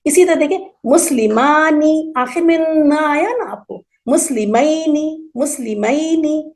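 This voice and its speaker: Female grammar teacher, high voice, patient and methodical, drills word forms aloud. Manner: explains patiently, repeats word forms slowly for emphasis. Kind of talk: online class lecture.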